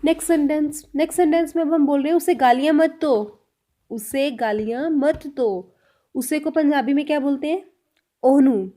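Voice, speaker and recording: A woman with a fairly high voice leads a spoken language lesson. She explains clearly and patiently, addressing her viewers directly. She says each example sentence at a slow pace and repeats it. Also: dark tone. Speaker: language teacher.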